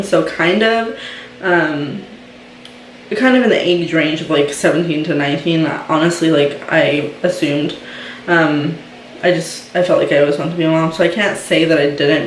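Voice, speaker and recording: A woman's voice: fairly low pitch, slight background noise. A young woman talking casually as a mom vlogger, chatty and filling her talk with "um" and "like". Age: young adult. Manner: chatty, many fillers and "like". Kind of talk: casual chat. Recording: roomy sound from a distance.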